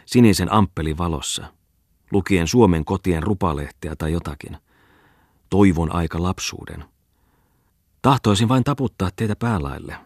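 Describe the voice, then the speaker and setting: A man's voice: low voice, husky, no room sound, clean studio sound. A man doing a gleeful, sneering schoolmaster orator. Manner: sneering, preachy speechmaking.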